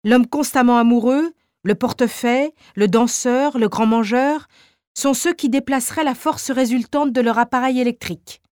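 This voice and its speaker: A woman's voice: a little high, normal speed, darkish tone, no echo, clean studio sound, pitched above the performer's own voice, lightly acted. A woman voicing a feverish, obsessed male chemist who declaims with rising fervor in an audiobook reading. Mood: exalted.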